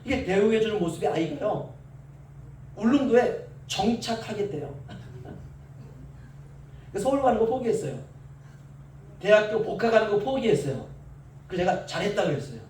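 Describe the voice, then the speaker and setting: A middle-aged male pastor preaching a sermon. He swings between soft asides and loud, drawn-out calls. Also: sits high, big pitch swings, slight background noise. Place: church sanctuary. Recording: echoey church, mic at a distance.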